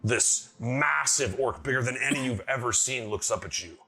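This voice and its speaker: A man narrating a tabletop game as game master, improvising in a casual, animated, conversational way. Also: mid-range voice, moderate pace, vocal fry, faint music behind.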